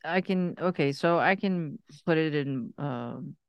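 A man from Iran with a smooth, clear voice pitched a little high speaks as a podcast guest. He tells his story earnestly and candidly, sometimes halting before he finds his words, in a dry, close sound. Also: no echo, highs cut off. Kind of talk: personal story, conversational.

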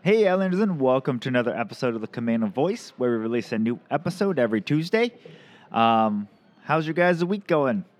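A man hosts a podcast in a loose, casual chat. He rambles along with frequent ums and restarts. His voice sits at an ordinary middle pitch. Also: sing-song, a little fast. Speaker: podcast host.

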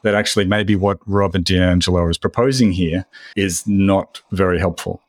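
A man speaks in a very low voice on a podcast, measured and dry in manner. The sound is close and dead, with no room echo. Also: fairly even intonation. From Australia. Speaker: podcast co-host. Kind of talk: casual discussion.

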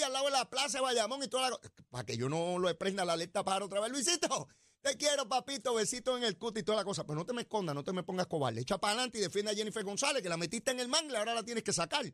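A middle-aged man with a Puerto Rican accent hosting a political talk show, combative and mocking, swinging between loud and quiet, talking into a studio mic. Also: high voice, no room sound. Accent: Puerto Rican Spanish. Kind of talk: political commentary monologue.

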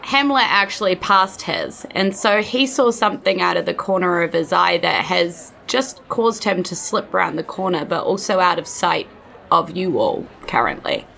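Low, creaky-voiced woman narrating a game. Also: moderate pace, a bit bright. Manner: conversational, explanatory. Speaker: game master. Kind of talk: improvised narration of a tabletop game. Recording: music playing behind the voice. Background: music.

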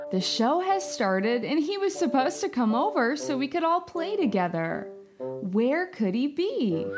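A woman hosts a children's story show in a high, widely swooping voice. She talks slowly and encouragingly to young listeners while music plays under her. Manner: bright, sing-song and encouraging. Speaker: children's podcast host. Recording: with music behind. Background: background music.

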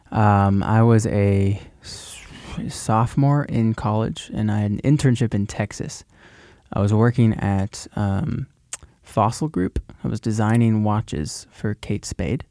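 A man's voice: on the low side, fairly even intonation, unhurried, warm tone, no echo. A man hosting a podcast, speaking earnestly in casual chat and laughing easily. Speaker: podcast host.

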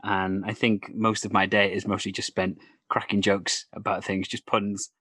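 Man, lowish voice, interview host, casual chat, dry close sound. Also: level tone, normal speed, bright, forceful tone, husky, no echo.

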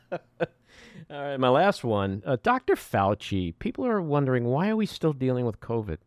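Male host, lively pitch, casual interview, dry close mic. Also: smooth, dry recording. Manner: laughing, quick setups. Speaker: podcast host.

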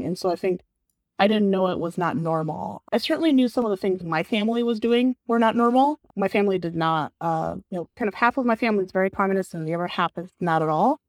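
Interviewed in San Francisco, this woman from Bulgaria talks in an earnest, informal way, dropping "like" again and again. She has a lowish voice, recorded without any room sound.

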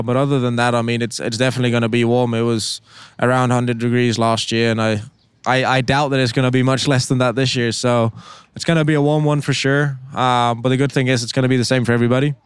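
A young Danish-born racing driver whose voice is very smooth and resonant. He answers interview questions in a halting way, restarting words and filling gaps with ums. The recording is dry and close, with no room sound. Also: mid-range voice, dry recording. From Denmark.

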